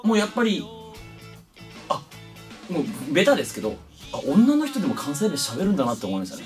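A young man from Kumamoto hosting a casual chat show in a playful, lively way. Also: a little high, fast talker, soft background music. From Kumamoto, Japan. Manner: lively, playful, drifts into jokey Kansai dialect. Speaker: host.

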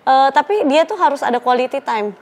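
A woman's voice: high-pitched, expressive, brisk, a little mellow. A mother chatting as a podcast guest, telling stories with animation and often laughing. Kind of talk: casual chat.

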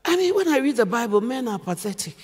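A woman pastor preaching a sermon in an animated, emphatic way, often raising her voice to a shout. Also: fairly high pitch, fast. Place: church hall. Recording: reverberant church hall, faint background noise.

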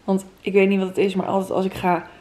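A woman's voice: medium pitch, completely flat delivery, fast, dark tone, roomy sound. A Dutch woman vlogger reading an old story aloud at home, with chatty, giggly asides. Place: room at home.

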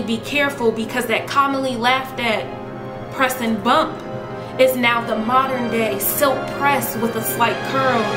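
A woman's voice: high voice, reverberant. A woman in her thirties, a hair vlogger, performing sassy, rhythmic spoken word full of rhetorical questions, seated on a sofa in her living room and filmed head-on. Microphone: camera in front, head and shoulders framing.

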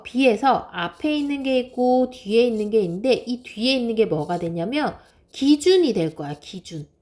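Patient teacher woman, lively up-and-down pitch. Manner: patient, asks and answers her own questions; repeats key words, drops to soft murmurs. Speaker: math teacher. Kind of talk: math lesson for children.

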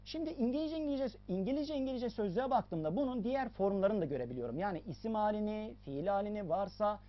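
A woman teacher explains a lesson in a lively, sing-song way, her pitch rising and falling a lot as she stresses and repeats key points. The recording sounds a little dull and lo-fi. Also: fast. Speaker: English teacher.

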